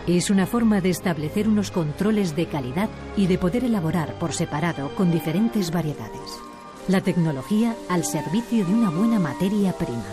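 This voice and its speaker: Low-voiced woman narrating a documentary. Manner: calm, measured voice-over. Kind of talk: scripted narration. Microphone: studio voice-over. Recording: voice-over with music behind.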